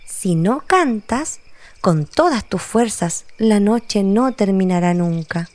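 A woman voicing a small, fretful boy wizard in a storybook tale, speaking high and anxious. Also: animated, takes it slowly, a little mellow. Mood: urging.

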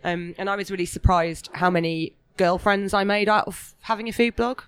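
A woman's voice: mid-range voice, normal speed, smooth. A woman with a Birmingham accent and a cold, chatting casually in a talkative, self-deprecating way as a food blogger. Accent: Birmingham (Brummie). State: has a cold. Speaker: food blogger, interview guest. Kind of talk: casual chat.

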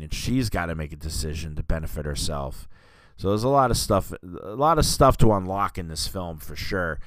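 A man's voice: sits low, clear, resonant tone, dry recording. A man hosting a casual film review podcast, talking loosely with many fillers and restarts. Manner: rambling, lots of fillers and restarts, says dude and you know what I mean. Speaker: podcast host reviewing films.

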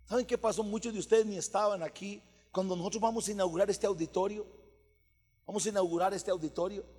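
Pastor guy preaching, high voice, goes from loud to almost whispering, big echoey church hall. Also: steady tone, quick pace. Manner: swings between loud preaching and hushed near-whispers. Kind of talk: sermon. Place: church auditorium.

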